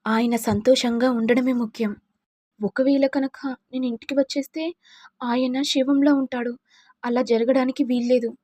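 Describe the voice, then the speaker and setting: Lady reading as a crying young wife, pleading, highish voice, dry sound. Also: fairly even intonation, measured pace, dark tone, no room sound. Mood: tearful. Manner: pleading, tearful. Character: tearful devoted young wife.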